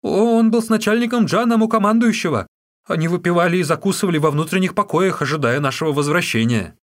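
A man voicing a terrified male henchman who stammers and talks in a high, loud panic. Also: quick pace, lightly acted. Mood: panicked.

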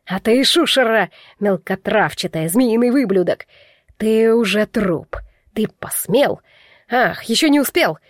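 Loud, raised-pitch bellowing of a jealous brute bull-man, voiced by a woman, dry close sound. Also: animated, measured pace, dry recording. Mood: enraged shouting. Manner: shouting insults. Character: furious brawny male bull-man, jealous and crude.

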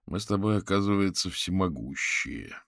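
A man voicing a calm, thoughtful sorcerer detective who speaks dryly and evenly. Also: sits low, moderate pace, no room sound, clean studio sound, voice pushed up.

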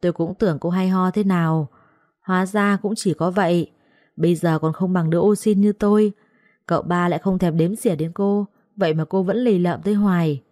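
A woman's voice: lowish voice, fairly even intonation, a little fast, dark tone, dry recording, clean studio sound, lightly acted. A woman voicing a stubborn, defiant young servant girl who talks back to her masters. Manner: defiant, mocking.

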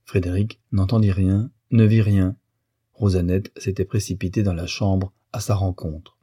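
Deep, dark-voiced man reading a novel. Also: breathy edge, no echo, clean studio sound. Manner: measured and even, unhurried. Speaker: audiobook narrator. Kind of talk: scripted narration of a classic novel.

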